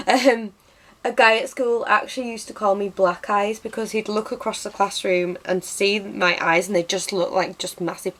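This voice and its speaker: Indoors in a bedroom lined with bookshelves, a young adult beauty vlogger records a webcam vlog with casual makeup tutorial chat. Her medium-pitched voice is slightly hoarse because she's losing it. She's chatty and self-deprecating, often saying um and starting over.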